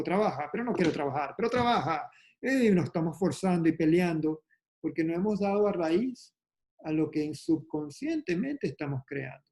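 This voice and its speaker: A man leading an online meditation class, explaining slowly and gently in a calm, reflective way over a video call. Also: on the high side. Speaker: yoga and meditation teacher.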